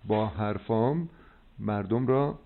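A man giving health advice as a doctor on a phone call, preachy and insistent, checking that he is understood. He is heard over a landline phone line. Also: on the low side. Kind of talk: phone consultation. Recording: tinny phone line with faint hiss.

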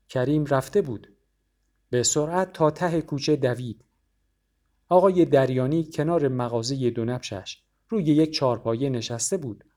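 Man narrating a novel in a measured voice. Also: medium pitch, darkish tone. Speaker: audiobook narrator.

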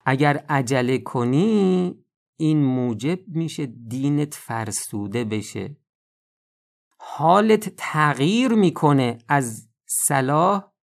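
A man giving a podcast sermon, reciting Arabic traditions and then explaining them in casual speech, asking himself questions and answering them. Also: mid-range voice. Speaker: religious lecturer.

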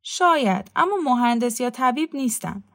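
A woman's voice: a little high, animated, a bit bright, pitched above the performer's own voice. A woman reading a weary, bitter reclusive man in a storybook, giving him curt, resigned replies.

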